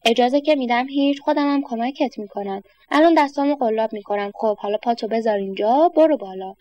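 A woman's voice: fairly high pitch, dull audio, lightly acted. A woman voicing a kindly grown man with a walking stick who questions a boy and then encourages him.

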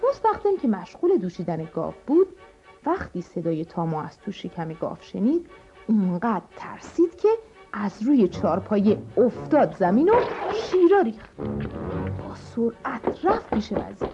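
A woman narrating a children's storybook, expressive and addressing the kids. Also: mid-range voice. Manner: animated, expressive. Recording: dull lo-fi audio with music.

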